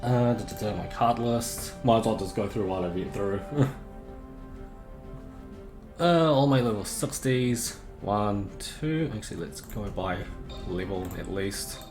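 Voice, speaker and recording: Speaking at a measured pace in a lowish voice, a man with a sore throat rambles through a casual live game stream and keeps correcting himself mid-sentence. He's chatty but plain-sounding, monotonous and droning, with echo in the room and soft music underneath.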